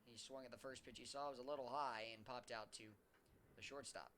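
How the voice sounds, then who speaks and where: A man calling baseball play-by-play as the team's announcer, keeping a steady call that lifts in energy on hits. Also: mid-range voice, fairly quick.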